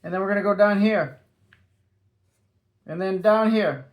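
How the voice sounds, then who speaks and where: A man's voice: sits high, a little slow, muffled recording. A man leading a step-by-step drawing tutorial for children, upbeat and sing-song, dropping in playful sound effects as he draws.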